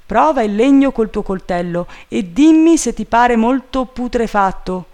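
A man voicing an excitable, anxious male gentleman who shouts urgent orders up a tree. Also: high-pitched, a little slow, pitched above the performer's own voice. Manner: urgent, agitated calling out.

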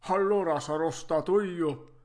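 Male reader as a fiery old craftsman, loud and quick to anger, slow and raised; storybook. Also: fairly high pitch, expressive, pitched above the performer's own voice. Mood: aggrieved. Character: feisty hot-tempered old male woodcarver. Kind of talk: storybook reading.

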